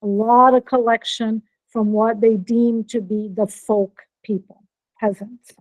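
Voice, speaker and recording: Unhurried and steady, a woman with a slightly high voice and an American accent presents a friendly keynote as a professor, checking in with her listeners on a video call. She was born in Norway and raised in Brazil. The audio from her computer mic is dry and low quality.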